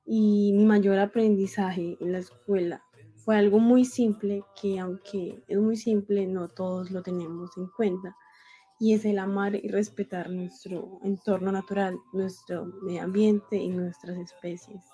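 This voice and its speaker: A woman's voice: medium pitch, steady tone, a little slow, warm tone, muffled recording, soft background music. A 20-year-old woman from Colombia giving a sincere video testimonial.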